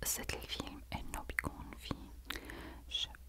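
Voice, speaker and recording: A woman whispers throughout in an ASMR storytelling style. She has a Levantine Arabic accent and speaks as a creator confiding in her viewers. Her words are deliberately murmured and indistinct, carried on breath with little voicing.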